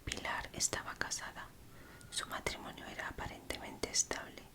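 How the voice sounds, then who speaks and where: A woman with an accent from Spain reads true crime aloud as ASMR in a breathy, unvoiced whisper, softly and unhurried, in short phrases. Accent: Spanish, from Spain. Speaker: ASMR host reading aloud.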